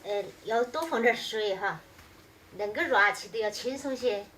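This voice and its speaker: A woman's voice: on the high side, normal speed, a bit bright. A young adult woman with a Sichuanese accent narrating and chatting casually in a home cooking vlog. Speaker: vlogger, daughter-in-law cooking. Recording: distant mic, faint room noise.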